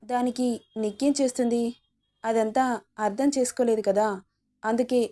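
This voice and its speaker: A woman's voice: on the high side, steady tone, moderate pace, warm tone, close to an everyday voice. A woman reading as a caring, teasing young husband. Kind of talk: storybook reading.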